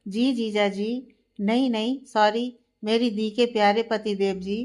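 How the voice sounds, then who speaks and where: A woman's voice: mid-range voice, fairly even intonation, unhurried, a little mellow, natural voice. A cheeky young woman who never stops teasing her older sister, as a woman storyteller puts her on. She sounds playful and sly, in a mid-range voice. It comes from a read-aloud storybook.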